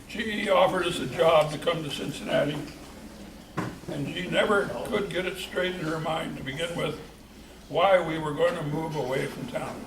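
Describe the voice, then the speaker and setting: An older man with a slightly high voice tells unhurried, folksy stories about the early days of a church. He stumbles and restarts now and then as he recalls details. The sound is roomy and distant, with a lot of noise behind him. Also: steady tone. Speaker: charter church member. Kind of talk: reminiscing speech at a church event. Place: church hall. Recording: echoey hall, distant mic, noisy.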